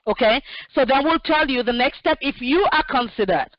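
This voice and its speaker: A woman's voice: high-pitched, lively intonation, normal speed, no room sound, highs cut off. A woman in her forties, originally from Cameroon, answering questions as a human resources expert on a call, speaking in a direct, practical way with many fillers. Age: 40s. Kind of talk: answering questions in an online session.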